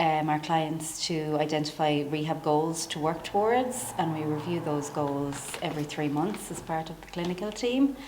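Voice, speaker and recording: An Irish woman, a services manager, explaining her work in an interview in a clear, measured way. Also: sits low, darkish tone, echoey room, slight background noise, poor audio. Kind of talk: professional interview.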